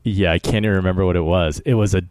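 Guy podcast cohost, lowish voice, easygoing and wry, dry close mic. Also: steady tone, racing, a little mellow, dry recording. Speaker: podcast co-host. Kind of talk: casual podcast chat.

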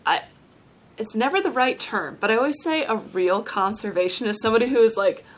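A woman's voice: on the high side, animated, fairly quick. Chatty woman hosting a casual interview. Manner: informal, rambling, frequent "like" and "you know". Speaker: podcast host, zookeeper.

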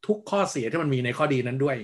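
Calm explaining man on diet advice. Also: medium pitch. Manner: measured, explanatory, frequent polite particles. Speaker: health guest.

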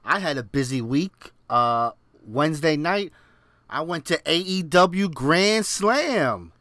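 Bright-voiced man with a Queens accent. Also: on the high side, animated, slow pace. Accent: Queens New York. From Queens, New York. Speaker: podcast co-host. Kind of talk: casual chat, animated storytelling.

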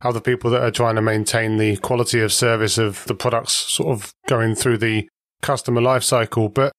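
A man's voice: medium pitch, level tone, a little fast, a bit bright, no echo, studio quality. A man hosting a podcast, reading a playful scripted intro and then asking questions in a joking way. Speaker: podcast host.

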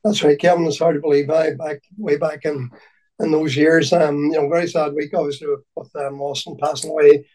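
Higher-voiced Donegal Irish man, halting delivery. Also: little pitch movement, mellow, recorded from a distance, low-quality recording. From County Donegal, Ireland. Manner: halting, repeats words. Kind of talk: reminiscing conversational tribute.

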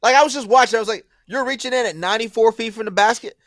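A man's voice: very high-pitched, racing, no echo, clean studio sound. A man co-hosting a sports talk show, ranting with disbelief in a heated debate. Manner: incredulous, ranting, animated.

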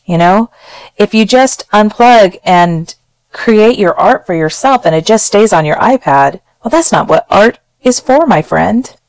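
A woman's voice: mid-range voice, lively intonation, measured pace, a little mellow, clear, resonant tone, poor audio. A woman hosting a solo advice podcast, talking straight to one listener in an earnest, encouraging way. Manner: earnest, encouraging, direct address. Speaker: podcast host.

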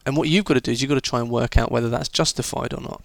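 A man's voice: mid-range voice, steady tone, very fast, gravelly, dry recording. A man talking students through a history lesson in a chatty, informal way, with fillers and restarts. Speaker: history teacher.

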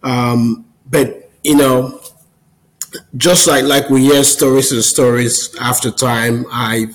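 A man's voice: mid-range voice, fairly even intonation, slow, low-quality recording. A man in his forties from Cameroon, a podcast guest on a video call, telling his personal story in a friendly, earnest way. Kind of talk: casual interview storytelling.

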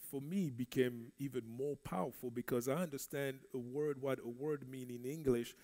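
A Congolese minister whose first language is French leads a Bible study in a church, speaking in a mid-range, darkish voice. His style is conversational preaching, and he repeats words as he goes.

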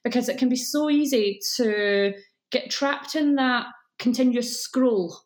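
Broad Scottish woman, higher-pitched voice. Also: unhurried. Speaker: guest, cake business coach. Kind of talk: casual podcast chat.

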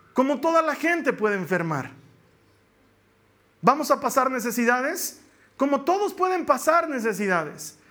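A man with a notably high voice delivers a church sermon, driving home each point by repeating it. His preaching is emphatic and lively, and he slips into playful mock voices when he quotes someone. He speaks to his congregation as a pastor. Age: adult with a young daughter.

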